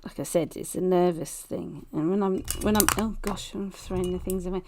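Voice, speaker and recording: Casting: female livestream painter, soft-toned and mellow, hesitant casual chat peppered with nervous giggles. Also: on the low side, fairly even intonation, moderate pace, a little hiss or hum. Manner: frequent nervous giggling while talking; hesitant, rambling, self-conscious.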